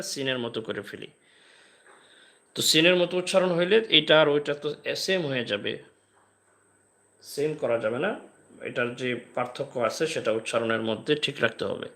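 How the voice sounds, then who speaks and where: A man teaching the Arabic alphabet in a live online class, patiently explaining and repeating each letter sound slowly. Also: on the high side, bright, forceful tone. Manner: slow drilled letter sounds with repeated examples.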